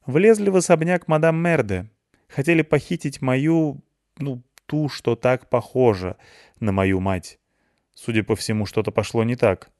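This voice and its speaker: A man's voice: medium pitch, unhurried, no echo, clean studio sound, voice pushed up, close to an everyday voice. A man voicing a tired, snarky young woman gamer who trades teasing insults, read for an audiobook. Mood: teasing, grumpy. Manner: sharp-tongued, teasing.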